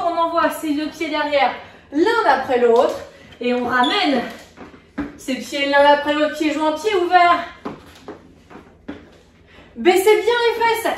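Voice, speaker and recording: A woman's voice: very high-pitched, slight background noise. A woman fitness coach leading a live workout, counting reps and checking in on her class while she moves. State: moving while exercising. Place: indoor room with a window. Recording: echoey room, mic at a distance.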